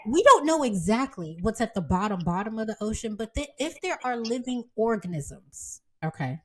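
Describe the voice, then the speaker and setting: A woman hosting a podcast in casual chat, expressive and quick to react to her guest. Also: a little high, slightly rough. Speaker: podcast host.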